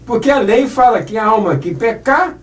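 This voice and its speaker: A Brazilian man teaching Bible stories on the radio, his voice high and swinging widely in pitch. He tells the stories with animation, acting out what the characters said and often asking if listeners follow. He sounds a little distant from the microphone. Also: normal speed. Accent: Brazilian Portuguese. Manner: animated storytelling, acts out quotes, keeps asking "tá entendendo?".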